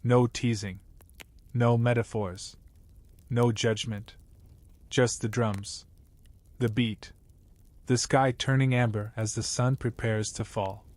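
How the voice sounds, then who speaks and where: In a medium-pitched, slightly mellow voice with fairly even intonation, a man narrates a scripted bedtime story. He's measured and wry, as if telling it to a single listener. The recording is dry, with no room echo.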